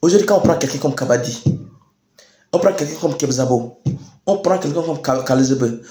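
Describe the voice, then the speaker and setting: A young man speaks in an echoey space with a Chadian French accent. He delivers a rousing political address, deliberate and emphatic. He leans on repetition and rhetorical questions to drive his words home. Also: on the high side, a little mellow. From Chad. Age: young adult. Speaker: youth activist speaker. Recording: echoey room sound.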